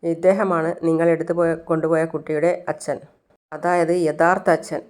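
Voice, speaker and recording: A woman voices a composed young woman who speaks politely and reassures. The voice is fairly low and even. It is a plainly told storybook retelling. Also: normal speed, lightly acted. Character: composed young woman breaking news to a father.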